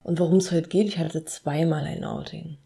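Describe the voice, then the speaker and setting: A woman in her thirties from Berlin, co-hosting a podcast and telling her story in relaxed chat with frequent laughs. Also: low voice, normal speed, gravelly. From Berlin, Germany. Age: 30s. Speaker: podcast co-host.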